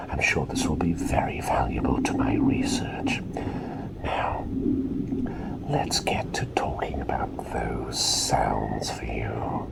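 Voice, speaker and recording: A man voicing a courteous, inquisitive plague doctor in a soft, repetitive, soothing ASMR whispered role-play. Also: extremely low pitch, vocal fry, exaggerated voice. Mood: soothing, polite. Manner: soft, unhurried, gently repetitive and formal. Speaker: ASMR performer.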